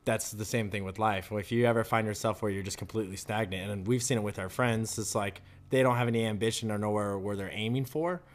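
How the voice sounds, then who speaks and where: A man's voice: fairly low pitch, fast, hardly any pauses. A young man chatting at a table at home, thoughtfully posing questions and musing aloud. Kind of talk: casual chat. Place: table in a shared house.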